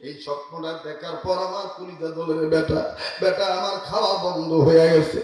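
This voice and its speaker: A man's voice: steady tone, brisk, darkish tone, close to an everyday voice. A man preacher voicing a grieving elderly village mother who pleads tearfully in a chanted, wailing lament. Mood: tearful pleading. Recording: booming distant hall echo, faint music.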